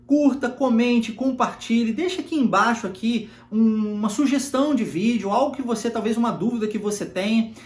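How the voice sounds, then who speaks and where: A teacher from Minas Gerais giving an online language lesson, modelling phrases slowly and repeating them for learners. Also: mid-range voice. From Minas Gerais, Brazil. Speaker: English teacher. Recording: echoey room.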